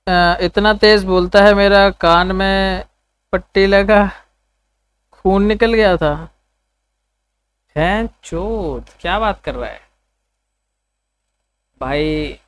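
Guy streaming live, throat all scratchy, roasts his chat and cusses a lot, highish clean voice. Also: a bit bright, clean tone, no room sound. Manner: teasing, swears freely, quick comebacks. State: hoarse sore throat, keeps clearing it. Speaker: livestreamer talking to chat. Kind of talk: casual live stream banter.

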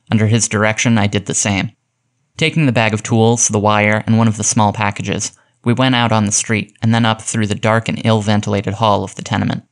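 A man narrating a classic detective short story aloud, reading its dialogue with light acting. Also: on the low side. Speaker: audiobook narrator. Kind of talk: scripted narration.

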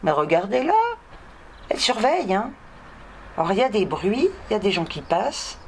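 A woman's voice: medium pitch, very animated, normal speed, slight background noise. Chatty French woman fussing over her cats. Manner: chatty, scolding and cooing at cats, tags "hein" constantly. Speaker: vlogger. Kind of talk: casual vlog talking to her pets.

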